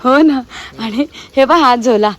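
High-voiced woman vlogging on the go. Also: measured pace. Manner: chatty, addresses viewers directly. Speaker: family vlogger. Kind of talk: casual travel vlog. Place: train and railway station. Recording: crowd and traffic noise behind. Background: bustling crowd and vehicle noise.

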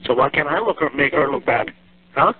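A man's voice: fairly high pitch, lively intonation, fairly quick, husky. A man calling home from jail on a prison phone, talking casually in short, terse questions. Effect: on a prison phone line. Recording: tinny monitored jail phone line.

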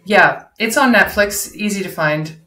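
A woman who works as a voice and performance coach, talking as a guest in an interview in a measured, explanatory way. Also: medium pitch, bright, forceful tone. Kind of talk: casual interview.

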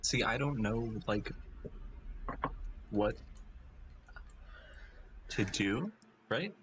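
A man's voice: lowish voice, expressive, extremely slow, noisy background. A man chatting casually as a co-player in an online game, often sounding bewildered and exclaiming. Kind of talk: casual gaming chat.

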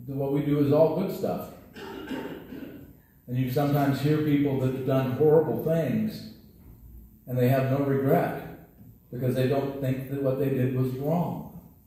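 In a mid-range, dark voice with fairly even intonation, a middle-aged pastor preaches at normal speed, leaving long pauses. He stands at the pulpit of a church sanctuary, wearing a headset mic, talking conversationally with frequent restarts. Roomy church echo and a distant-mic sound mark the audio.

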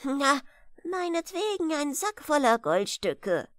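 A cheeky young lad pipes up in a bright, raised voice in a bedtime storybook, as a woman puts him on. He talks pertly and eagerly with a lively pitch, and the sound is dry and close. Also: takes it slowly, no echo, full character voice. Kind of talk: bedtime audiobook reading.

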